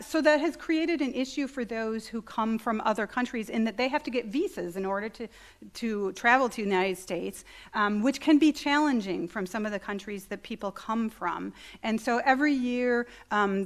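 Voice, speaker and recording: A woman's voice: a little high, a bit bright. A middle-aged woman, a church conference delegate, giving an informal talk to a meeting with many ums and restarts. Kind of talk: informal presentation. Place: meeting hall.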